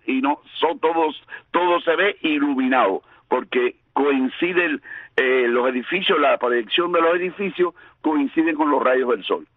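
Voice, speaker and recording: A man giving a conversational radio weather report, explaining informally and haltingly with repeated phrases. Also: on the high side, slightly rough, no room sound, narrow, tinny audio. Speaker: radio meteorologist. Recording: music behind the voice. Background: background music.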